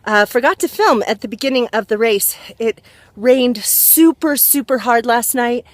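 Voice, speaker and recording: A woman's voice: on the high side, normal speed, dry recording. A woman vlogging casually outdoors on a handheld camera, talking while walking through a trail race. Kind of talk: casual vlog chat.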